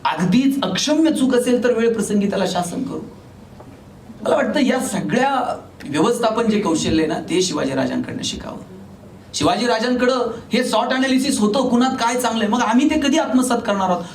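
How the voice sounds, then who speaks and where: A man's voice: very high voice, expressive, a little fast. A man from Maharashtra giving a motivational speech to a live audience. He tells humorous stories and acts out the dialogue. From Maharashtra, India. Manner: humorous storyteller acting out dialogue. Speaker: motivational speaker. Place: large hall with a live audience. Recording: echoey hall from far off, faint noise.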